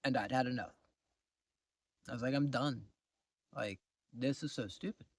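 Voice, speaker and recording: A man casually telling a long personal story to the camera, exasperated at times and dropping to low mutters. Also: a little slow, slightly rough, no room sound, studio quality. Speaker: vlogger.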